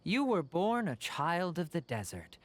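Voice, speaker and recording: A man's voice: on the high side, huge pitch swings, unhurried. An actor playing a young male zealot in a video game, speaking in a cool, needling, condescending way. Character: young male desert-born zealot, cold and accusing.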